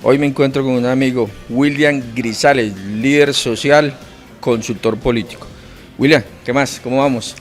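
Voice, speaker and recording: A man's voice: mid-range voice, normal speed, soft background music. Man hosting a chat. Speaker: podcast host. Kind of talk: casual interview.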